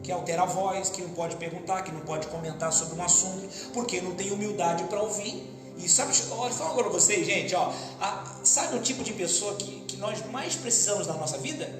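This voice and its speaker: High-voiced preacher in an echoey hall. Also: male voice, brisk. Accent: Brazilian Portuguese. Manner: preaching with call-and-response, acting out voices. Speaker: pastor. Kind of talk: Pentecostal sermon. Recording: echoey hall with music behind.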